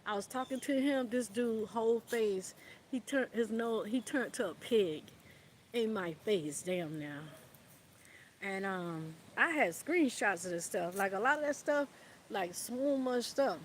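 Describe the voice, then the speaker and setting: On an outdoor livestream in light wind, a woman with a somewhat high voice talks casually and a little slowly. She rambles, keeps saying "you know what I'm saying," and calls her listeners "baby."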